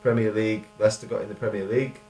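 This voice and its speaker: A man's voice: fairly low pitch, flat delivery, racing, mellow, echoey room, slight background noise. Man chatting and reading poems. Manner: chatty, laughs often, reads rhymed verse aloud. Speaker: podcast co-host and poet. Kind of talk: casual chat and poetry reading.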